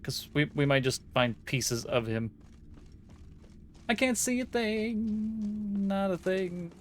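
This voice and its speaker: Slow-talking, playful game streamer. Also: mid-range voice, lively intonation, a little hiss or hum. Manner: playful, joking and laughing at the game. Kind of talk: casual gameplay commentary. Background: game music.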